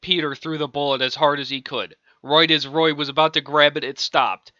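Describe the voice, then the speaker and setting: An amateur audiobook reader casually narrates a story he's improvising, rambling and chuckling between lines. His voice is on the high side, steady, bright and forceful at a normal speed, with no echo, on a dull, lo-fi, dry home recording.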